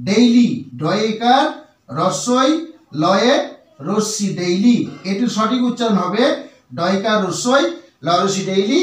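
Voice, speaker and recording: High-voiced man teaching in an echoey room. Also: a bit bright. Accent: Bengali. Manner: slow, spells out letters one by one. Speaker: English teacher. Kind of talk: pronunciation lesson. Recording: echoey room, far from mic.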